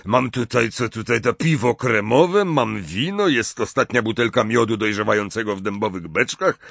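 A man's voice: on the low side, moderate pace, creaky, fairly bright tone, dry recording. A man voicing a jovial, fussy old wizard professor who chuckles and repeats himself.

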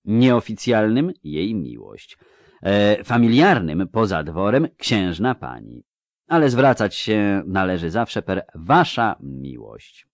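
Man playing a fussy pompous court chamberlain, formal, pedantic, animated swings in pitch, unhurried. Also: no room sound, studio quality, heavily acted. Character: portly pompous male court chamberlain, fussy about etiquette.

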